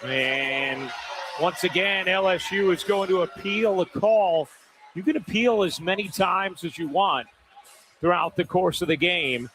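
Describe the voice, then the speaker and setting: A man calling a televised basketball game from courtside as play-by-play commentator, brisk and measured. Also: high-pitched, fairly bright tone, slight background noise. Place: courtside at an arena.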